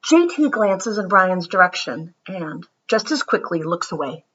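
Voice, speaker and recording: Female children's read-aloud host, bright and lively with a slightly husky edge, explanatory delivery, slightly dull lo-fi recording. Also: fairly low pitch, measured pace. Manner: explanatory, addressing young children. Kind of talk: expressive children's picture-book read-aloud.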